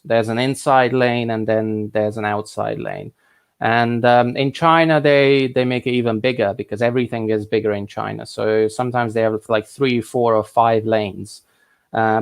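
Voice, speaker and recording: A man born in Hungary and raised in England, hosting a casual live stream and chatting in a rambling way with lots of restarts and asides. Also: medium pitch. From Hungary, raised in England from thirteen. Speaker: livestream host answering viewer questions.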